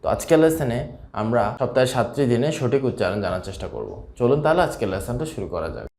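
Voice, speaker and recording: A man teaching English pronunciation, repeating each word slowly as a drill. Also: medium pitch, big pitch swings, echoey room. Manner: slow, repetitive drilling of words. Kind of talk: instructional lesson.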